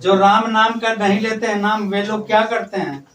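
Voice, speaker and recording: In a roomy classroom, a male teacher questions students in an oral exam, teasing and challenging them. His voice sits high, with a flat delivery, a moderate pace and a fairly bright tone, captured from afar with faint noise.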